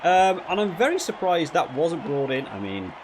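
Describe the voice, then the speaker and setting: A gaming channel host reviews a rugby video game in casual commentary, thinking aloud in a rambling fashion and frequently rephrasing. His voice is high-ish and very animated at a normal speed, with crowd noise and a noisy background.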